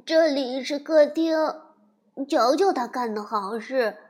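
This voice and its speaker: A woman voicing a nervous, clever little male piglet in a storybook reading, with a bright, eager voice. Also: sits high, slow, husky, exaggerated voice. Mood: anxious.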